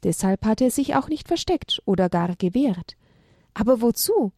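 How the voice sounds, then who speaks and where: A woman reading a children's story aloud, expressive and dramatic. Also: a little high, moderate pace, no echo, clean studio sound.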